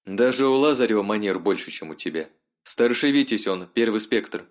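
A man's voice: fairly low pitch, animated, moderate pace, pitched above the performer's own voice, natural voice. A man voicing a sly, mocking noblewoman who talks down to her caller.

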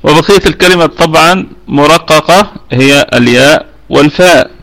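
A man with an Egyptian Arabic accent teaching an online tajweed lesson. He explains each rule step by step, repeats himself, and pauses on fillers. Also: on the high side, fairly bright tone. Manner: hesitant fillers while explaining. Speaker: Quran recitation teacher.

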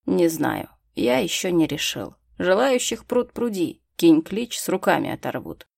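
A woman voicing a sullen, mocking young male werewolf thief in a low, gruff put-on voice for an audiobook. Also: very animated, a little slow, darkish tone, dry recording, clean studio sound, full character voice. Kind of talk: audiobook character voice.

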